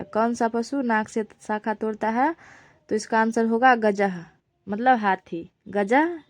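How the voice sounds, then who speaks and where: Slow, patient woman teacher, dry sound. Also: on the high side, no echo. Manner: slow, patient, repeats words for pronunciation drill. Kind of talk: Sanskrit lesson explained in Hindi.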